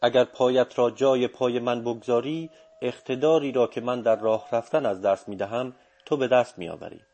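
A man's voice: medium pitch, darkish tone, close to an everyday voice. A man reading the lines of a teasing, commanding old male sorcerer in an audiobook, firm and full of authority.

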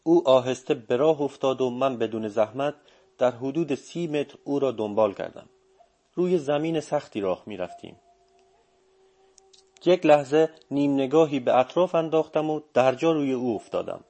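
A man narrating a first-person audiobook in a measured, steady reading. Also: mid-range voice.

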